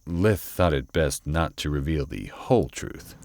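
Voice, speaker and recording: A man narrating a fantasy audio drama in measured, scripted storytelling. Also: a bass voice, lively intonation, vocal fry, a little mellow, slight background noise, heavily acted.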